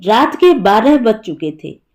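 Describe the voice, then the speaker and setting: A woman narrating a Hindi short story in a calm, measured storytelling manner, lightly voicing the characters. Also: fairly high pitch.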